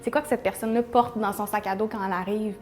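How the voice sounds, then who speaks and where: A woman's voice: mid-range voice, fairly even intonation, quick pace, soft background music. A woman with a Québécois accent who works at a shelter, answering interview questions in an earnest way. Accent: Québécois French. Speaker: shelter worker.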